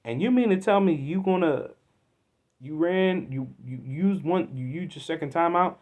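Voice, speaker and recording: A man from Philadelphia hosting a solo sports podcast, exasperated, swinging from loud outbursts to low muttering. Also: moderate pace. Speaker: podcast host.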